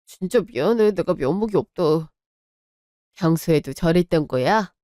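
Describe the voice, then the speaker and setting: A woman's voice: fairly low pitch, expressive, measured pace, warm tone, no echo, studio quality. A woman voicing a young husband in a radio drama, pleading and apologetic toward his wife and her mother.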